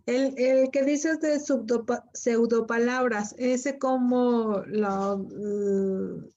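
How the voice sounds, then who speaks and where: A workshop participant, a woman, asks her questions slowly and with hesitation, stopping to search for words. Her voice is a little high. It comes over a video call, muffled and lo-fi. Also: steady tone, mellow. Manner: hesitant questions, halting phrasing.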